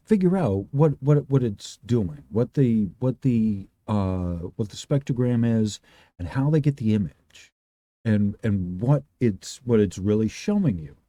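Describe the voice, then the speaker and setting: A man with a very dark, booming voice talks his regulars through an unscripted explanation. His pitch moves a lot as he rambles, starting sentences over and thinking out loud. The sound is dry and close. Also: dry recording. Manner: rambling, restarts often, thinks aloud. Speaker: livestream host.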